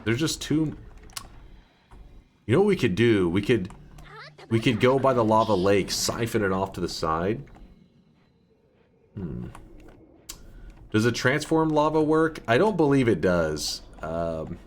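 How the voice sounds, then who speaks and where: A man streaming live gameplay on a headset mic, thinking out loud and swearing casually. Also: lowish voice, very animated, a little slow, pauses often, a little hiss or hum.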